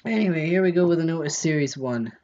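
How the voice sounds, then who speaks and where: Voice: medium pitch, animated, fast, a little mellow, muffled recording, a little hiss or hum. A live streamer giving casual commentary while playing a game, thinking aloud and answering chat.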